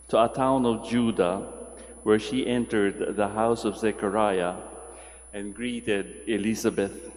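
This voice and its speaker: A man, a priest proclaiming the Gospel at Mass in a measured, solemn way, heard in a cathedral echo. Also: medium pitch, darkish tone. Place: large church. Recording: long church reverb.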